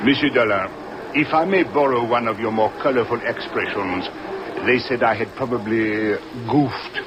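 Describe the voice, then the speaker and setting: A noisy, muffled old radio recording carries an actor as a suave French police inspector. He speaks in a French accent at a middle pitch, formal and elaborately polite, with dry self-mockery. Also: moderate pace, lightly acted. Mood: sheepish. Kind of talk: old-time radio drama acting.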